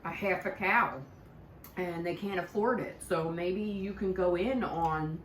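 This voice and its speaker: A woman's voice: on the low side, a little slow, recorded from a distance. A middle-aged woman co-hosting a homestead channel, chatting casually over dinner. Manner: chatty, conversational. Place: home dining room. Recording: roomy, from the mic, faint hiss.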